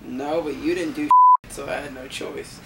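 A man answers questions with dry, blunt replies. His voice sits slightly high and carries an echoey ring. Loud noise sits behind him. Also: fairly even intonation, moderate pace, gravelly. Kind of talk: casual banter.

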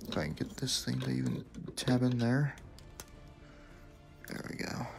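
With a gravelly, medium-pitched voice and a measured pace, a young man presents a toy he built in a casual hands-on narration. Music plays behind him in the basement as he explains each step, with little asides and self-corrections.

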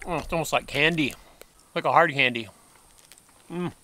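A man in his fifties eats snacks on a bench in a wooded park, chatting to the camera for a casual food review and reacting with lots of mms and exclamations. His voice is on the high side with a sharp tone, and he talks at normal speed.

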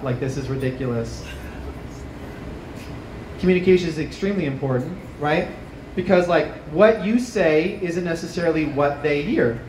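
A man in his thirties doing a stand-up comedy set into a handheld mic, animated, jumping to high yelps on punchlines, with an audience laughing. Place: small outdoor rooftop stage with plants. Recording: distant camera, roomy echo, noisy ambience. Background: live audience laughter.

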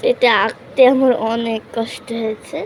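A young woman hosting a drawing channel, chatting casually about her painting at home and often correcting herself, sometimes speaking softly. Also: on the high side, level tone, moderate pace. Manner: chatty, self-correcting, drops to hushed voice. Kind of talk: casual drawing tutorial narration. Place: home room. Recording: faint background noise.

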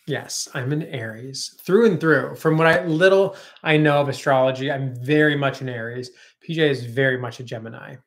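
A man's voice: mid-range voice, moderate pace, hardly any pauses. Co-host, man, 30s, chatty livestream talker reading comments, webcam in a kitchen. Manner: chatty, reads viewer comments aloud. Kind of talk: casual livestream chat. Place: home kitchen, indoors.

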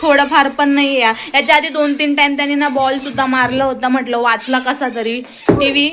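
A woman's voice: high-pitched, little pitch movement, a little fast, a bit bright, soft background music. A young woman with a Marathi accent, a mother scolding her small son at home in a casual family vlog, exasperated and close to tears. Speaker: mother, vlogger. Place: home, indoors. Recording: noisy home phone recording.

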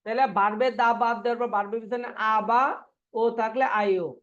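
A man's voice: very high voice, steady tone, fast, a bit bright, lo-fi sound. A man teaching a Korean language class online, drilling students by asking the same questions over and over and answering them himself. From Bangladesh.

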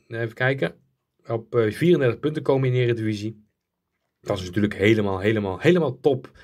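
A young man from the Netherlands giving rambling play-by-play commentary while playing a football video game, getting louder and higher at goals. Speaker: gaming YouTuber.

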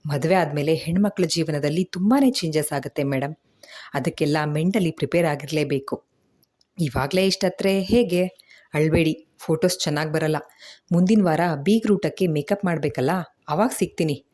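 A brisk, practical beautician, always on the move, who talks fast and never stops. A woman reads her part in a low, husky voice that is quicker than her narration. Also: mellow. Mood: bustling. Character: brisk, chatty female beautician, busy and practical.

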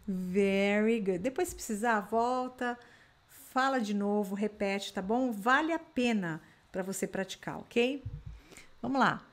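A woman with a Brazilian Portuguese accent teaching an online English lesson, chatty and reassuring, slowing down to model each English phrase. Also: on the high side.

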